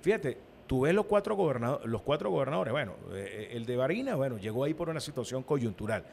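A man's voice: medium pitch, big pitch swings, fast talker, gravelly, darkish tone, slight background noise. A Venezuelan man, an opposition party leader, speaking as a guest in a political interview, emphatic and given to repeating his words.

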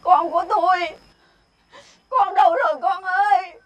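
A woman's voice: very high-pitched, steady tone, measured pace, highs cut off. An actress with a Southern Vietnamese accent playing a distraught mother who cries and wails for her lost son. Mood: wailing. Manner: wailing, sobbing calls. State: crying. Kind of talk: TV fairy-tale drama acting.

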